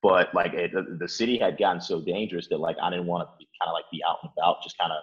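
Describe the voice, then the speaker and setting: This young Chicagoan's voice is very deep and low as he rambles quickly through a casual interview question from his apartment, restarting often and scattering "like" and "uh" throughout his storytelling. His tone stays steady, though the recording comes across muffled and dull.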